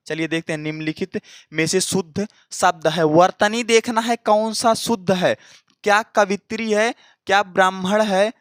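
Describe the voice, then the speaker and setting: In a dry, close recording with no room sound, a man with a high, fairly bright voice teaches Hindi grammar for exam prep. He is repetitive, going over points and frequently checking that students are keeping up.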